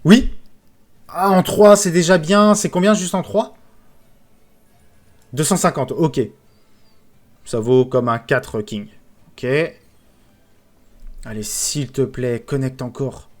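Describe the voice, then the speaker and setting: A man streaming casino games, commentating live, excitable, pleading with the game and calling out sums. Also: on the high side, slow pace, long pauses.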